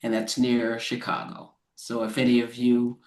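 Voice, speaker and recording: An American woman from Florida, a lawyer speaking as a guest and explaining things slowly and plainly for English learners over a video call. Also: rumbling low, monotone, a little mellow, roomy sound, rough recording. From Florida, United States. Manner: measured, explains terms plainly.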